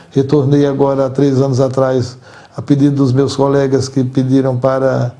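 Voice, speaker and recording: An older Brazilian Portuguese–accented man, stepping down as an association's president, gives careful, formal answers and repeats certain words. His voice is warm and sits in the middle range.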